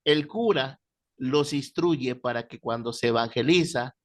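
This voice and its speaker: A man teaching a Bible class, telling stories with lively, animated delivery. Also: mid-range voice, measured pace. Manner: animated storyteller, shouting out quoted voices. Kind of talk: classroom lecture with storytelling.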